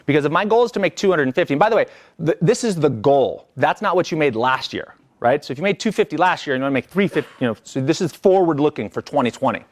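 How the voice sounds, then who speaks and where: A man's voice: on the high side, expressive, fast. A man leading a live business coaching workshop, talking energetically and conversationally and checking in with the group.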